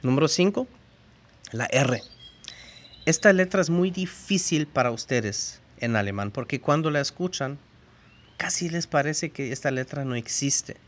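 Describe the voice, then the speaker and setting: An expressive man with a voice a little on the high side teaches pronunciation as a language teacher. He slowly and carefully shows learners the sounds and how they're spelled.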